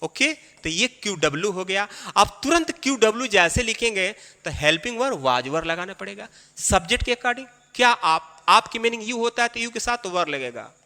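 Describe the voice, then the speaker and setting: A man teaching an English grammar lesson, explaining each step and repeating key phrases slowly. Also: high voice, very animated, pushed and bright. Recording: long hall reverb.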